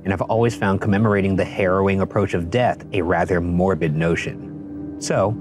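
A young man reading a story and chatting in a dark studio, teasing and dry. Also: deep voice, steady tone, moderate pace. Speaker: host and story reader. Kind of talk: story reading and casual chat. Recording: music playing underneath.

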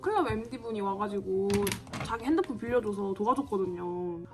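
A young woman in her twenties telling a story in a casual, animated way while doing her makeup, acting out the lines of people in it. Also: mid-range voice, brisk, loud music behind the voice. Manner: chatty, animated, acts out quoted lines. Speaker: beauty vlogger.

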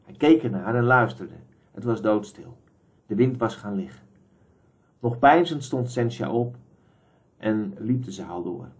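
A man reading a literary audiobook in a measured, calm way. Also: lowish voice. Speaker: audiobook reader.

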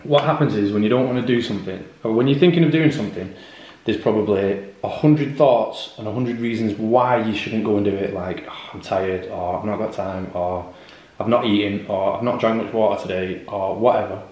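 Man in his thirties, low, plain and encouraging, echoey kitchen, camera on the table. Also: brisk, a little mellow. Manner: encouraging, matter-of-fact. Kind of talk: casual chat. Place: bright open kitchen, indoors. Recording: echoey room.

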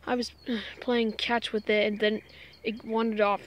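A woman's voice: fairly high pitch, little pitch movement, normal speed. A woman vlogging casually to her viewers, anxious and apologetic, often sighing and exclaiming. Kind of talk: casual vlog narration to viewers.

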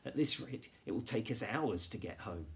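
A man's voice: fairly low pitch, lively intonation, moderate pace, creaky, slight background noise, voice pushed up. A man reading aloud and voicing a bold, clever young girl who leads her friends with eager lines. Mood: wry.

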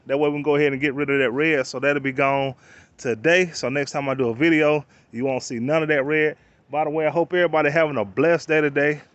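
A man vlogs outdoors on a rural property while filming with a handheld camera. His voice sits a little higher than most men's, and he talks in a loose, slangy, rambling way. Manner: laid-back, slangy, rambling. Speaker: vlogger. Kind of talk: casual walk-around vlog.

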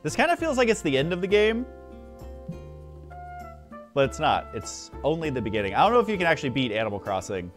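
A man's voice: a little high, sing-song, fairly quick, long pauses. A man giving casual commentary while playing a video game, chatty and joking as he reacts. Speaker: gaming YouTuber. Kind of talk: let's play commentary. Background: game music.

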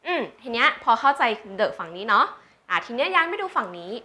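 Woman tutor, high bright voice, slow and patient, drills example words. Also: big pitch swings. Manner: patient, checks understanding with questions; drawn-out English words for learners to repeat. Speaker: English tutor. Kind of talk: slow teaching with example sentences.

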